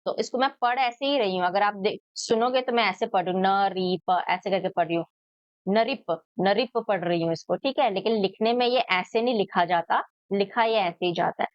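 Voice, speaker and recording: A woman teacher giving a children's lesson, sounding out each letter slowly and answering her own questions. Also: mid-range voice, clean tone, no echo, muffled recording.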